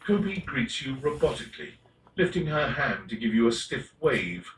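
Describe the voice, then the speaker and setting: A man reading scripted game narration in a measured, descriptive way. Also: medium pitch, sing-song, fairly bright tone, roomy sound, far from the mic, a little hiss or hum, low-quality recording.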